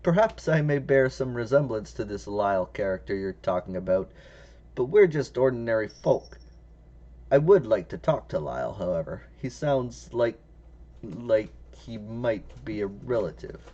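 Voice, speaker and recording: A man voicing a polite young man hero who speaks in a measured, courteous way. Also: lowish voice, lively intonation, dark tone, lo-fi sound, pitched below the performer's own voice. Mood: calm.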